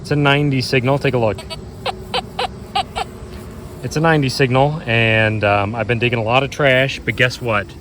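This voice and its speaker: A man's voice: medium pitch, steady tone, moderate pace, long pauses. A man in his thirties narrating a casual treasure hunter vlog, marveling at his finds and speaking straight to viewers. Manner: marveling exclamations, addressing viewers directly. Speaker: metal detecting treasure hunter, vlogger. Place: outdoors in grassy and wooded areas. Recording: noisy outdoors with insects and vehicles.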